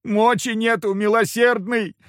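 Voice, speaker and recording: A man's voice: high-pitched, fairly even intonation, measured pace, smooth, no room sound, clean studio sound, pitched above the performer's own voice. A man doing a whining timid peasant. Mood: pleading. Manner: whining, pleading.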